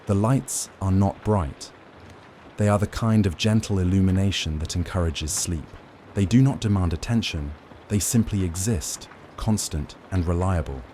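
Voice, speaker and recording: A man with a very low, dark and mellow voice narrates a sleep story. His delivery is gentle, measured and soothing, lulling the listener along. A faint ambient noise sits behind the voice. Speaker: narrator of bedtime lore stories.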